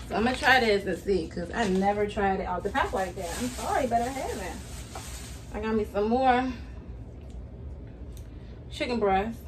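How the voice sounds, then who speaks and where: A young woman chatting casually to viewers about her groceries while unpacking bags in her kitchen, hot and sweaty. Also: a little high. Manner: chatty, addresses viewers as y'all. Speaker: vlogger and mother. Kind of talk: casual grocery haul vlog. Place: home kitchen, indoors. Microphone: camera on the counter, at a distance. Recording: distant camera mic, noisy room.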